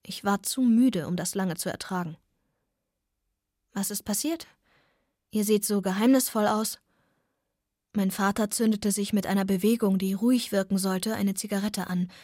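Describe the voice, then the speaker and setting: A woman reading a first-person novel aloud, soft and often close to a whisper. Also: mid-range voice, no echo. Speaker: audiobook narrator.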